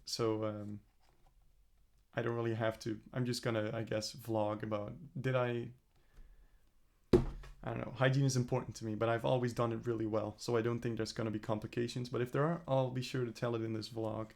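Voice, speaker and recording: In a relaxed, earnest vlog, a young man rambles through his plans and keeps correcting himself. He speaks briskly in a level, medium-pitched voice that is creaky and a little mellow, with a bit of hiss or hum in the recording.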